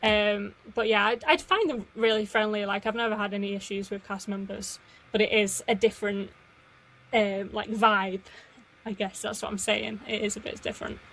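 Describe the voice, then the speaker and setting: A woman with a mid-range voice talks in an easygoing, chatty way on a podcast. She fills her pauses with "um" and "like". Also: mid-range voice, fairly even intonation, fairly bright tone, rough recording. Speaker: podcast co-host. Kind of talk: casual chat.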